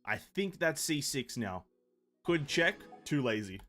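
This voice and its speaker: Deadpan mumbling young male streamer. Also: medium pitch, measured pace, faint music behind. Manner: deadpan and muttering, bursting into shouting excitement. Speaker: game streamer. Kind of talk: casual live-stream commentary.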